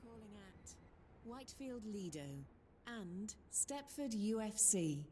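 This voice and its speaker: A woman's recorded platform announcements, built from spliced-together words with choppy phrasing and jumps in loudness. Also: medium pitch, lively intonation, slow, noisy background. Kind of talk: automated station announcements.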